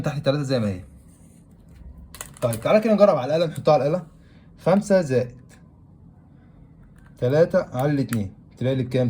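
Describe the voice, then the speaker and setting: A man's voice: mid-range voice, warm tone, slight background noise. A man with an Egyptian Arabic accent teaching a math lesson, who keeps asking questions aloud and answering them himself. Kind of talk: classroom-style math lesson.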